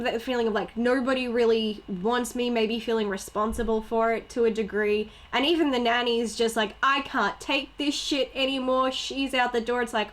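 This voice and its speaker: A young woman with a slightly high voice chats casually about films on a podcast. She is animated, laughs often and slips into quoted lines as she talks. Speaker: podcast co-host. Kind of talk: casual movie chat.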